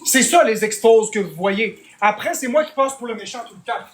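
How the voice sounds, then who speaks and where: A man's voice: high voice, lively intonation, moderate pace, roomy sound, a little hiss or hum. A man with a Québécois French accent, a streamer venting in a heated, swearing rant at his chat. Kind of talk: angry livestream rant.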